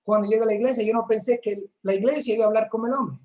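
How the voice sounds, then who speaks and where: A woman's voice: on the high side, steady tone, very fast, mellow, a little hiss or hum, poor audio. A woman from a church ministry, talking earnestly about her faith in a casual chat, often restarting her sentences. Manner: earnest storytelling with frequent restarts.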